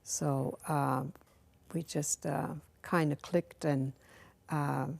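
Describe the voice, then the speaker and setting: An older woman from Germany answers slowly and haltingly, often stopping on small fillers. Her voice is low, mellow and gravelly. She sits in a quiet studio with a lapel mic. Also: fairly even intonation. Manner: hesitant, halting, many fillers. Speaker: interview guest, officer's wife. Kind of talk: interview answers. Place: studio with dark backdrop.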